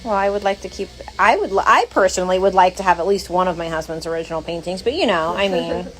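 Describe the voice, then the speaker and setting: A woman's voice: lowish voice, fast, faint music behind, poor audio. A young woman co-hosting a casual livestream, reading out chat comments in a chatty, blunt, teasing way.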